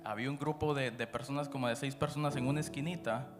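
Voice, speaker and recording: A man's voice: mid-range voice, fairly even intonation, quick pace. Guatemalan man telling his testimony over music. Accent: Guatemalan Spanish. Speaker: preacher giving his testimony. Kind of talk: personal testimony after prayer. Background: background music.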